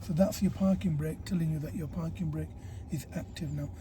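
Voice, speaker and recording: A man's voice: a little high, steady tone, brisk. A man working as a driving instructor, guiding a learner step by step in an encouraging way inside a car. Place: inside a car being driven. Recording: clear car noise. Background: car engine and road noise.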